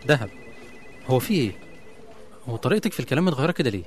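A man's voice: medium pitch, very animated, rapid-fire, natural voice. A man with an Egyptian accent playing a young businessman who stammers in disbelief. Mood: puzzled. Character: shocked young businessman betrayed by colleagues. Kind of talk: radio drama acting.

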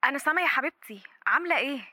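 A bright, evasive young Egyptian woman. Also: high voice, animated, dry recording, studio quality, heavily acted. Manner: evasive, hurried.

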